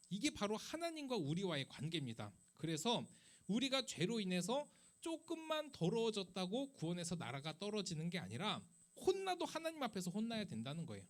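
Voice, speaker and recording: Male youth pastor, high and animated, chatty sermon full of rhetorical questions. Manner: lively, conversational preaching with rhetorical questions; acts out quoted speech. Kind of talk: sermon to a middle school youth group. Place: church worship service.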